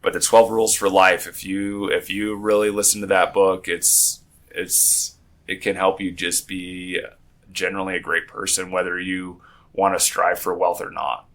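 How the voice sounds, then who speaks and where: A man's voice: deep voice, little pitch movement, measured pace, fairly bright tone. A man with a groggy morning voice hosting a casual podcast chat, rambling and often restarting his sentences. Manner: rambling, with frequent restarts and self-corrections. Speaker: podcast host.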